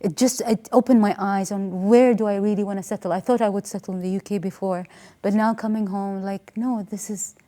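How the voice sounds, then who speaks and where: A woman's voice: medium pitch, steady tone, fairly quick, warm tone. A woman from Qatar speaking as an interview guest, earnest and encouraging, stressing her points with emphasis. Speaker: guest, life coach. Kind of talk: interview conversation.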